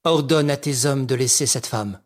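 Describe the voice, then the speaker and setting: A man voicing a daring gentleman thief who gives cold, clipped commands with terrifying calm. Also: medium pitch, moderate pace, close to an everyday voice. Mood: icy calm.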